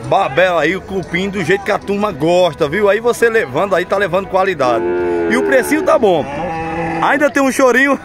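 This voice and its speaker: A man's voice: high voice, expressive, a little fast, music in the background. A man with a Northeastern Brazilian accent vlogging casually outdoors, chatty and upbeat as he greets sellers and calls out to his viewers. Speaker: vlogger touring a cattle market. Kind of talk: casual walk-around vlog with interviews. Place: outdoor cattle market, busy crowd. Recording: loud crowd noise outdoors.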